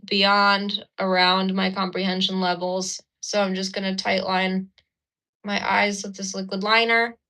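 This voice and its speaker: A woman from Ukraine hosts a casual livestream indoors at a mirror, chatting with viewers and laughing as she does her makeup, recorded on a phone. Her mid-range voice is bright with a forceful tone.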